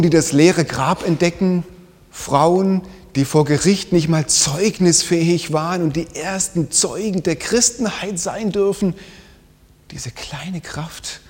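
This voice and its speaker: A man preaching a sermon, swinging from loud emphatic lines down to hushed whispers. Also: a little high. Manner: dynamic, drops to whispers for emphasis. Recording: long hall reverb.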